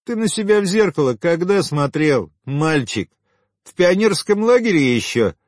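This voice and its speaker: A man voicing a haughty, sharp-tongued widowed woman in an audiobook, scornful and teasing, then falsely sweet. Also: mid-range voice, big pitch swings, takes it slowly, breathy edge, dry recording, studio quality, voice pushed up, full character voice. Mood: mocking. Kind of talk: audiobook character voice.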